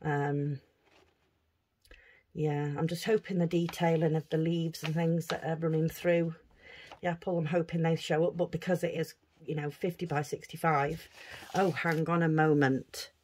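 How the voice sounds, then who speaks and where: A woman's voice: sits low, level tone, moderate pace, darkish tone, a little hiss or hum. A woman chatting casually on her craft vlog, thinking aloud as she unpacks things. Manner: chatty, thinking aloud while handling items. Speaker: craft vlogger. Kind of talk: casual unboxing chat.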